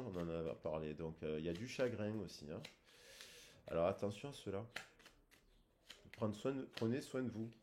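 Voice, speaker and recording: A man reading tarot and oracle cards for his viewers. His voice is mellow and soft-edged, and he talks in a halting way with plenty of pauses. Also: on the low side, a little hiss or hum. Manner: hesitant, many filler pauses, gentle advice. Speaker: tarot card reader. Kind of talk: casual spoken card reading.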